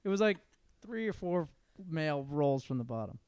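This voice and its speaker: Smooth-voiced joking podcast host man. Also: fairly high pitch, animated, a little fast, a little mellow, dry recording, clean studio sound. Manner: joking, chatty backchannels. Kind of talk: casual chat.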